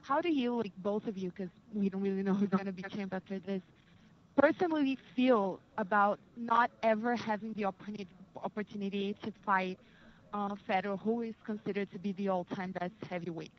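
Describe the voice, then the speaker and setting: A woman with a medium-pitched voice asks questions as a journalist on a press call. Her line is dull, with faint background noise. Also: fairly quick.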